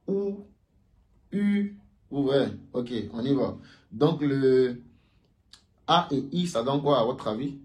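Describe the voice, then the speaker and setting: A male language teacher walks through pronunciation at an unhurried, deliberate pace. He patiently explains each sound, then says it again louder and higher so students can repeat after him. His pitch sits in a middle range. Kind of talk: Mandarin pronunciation lesson.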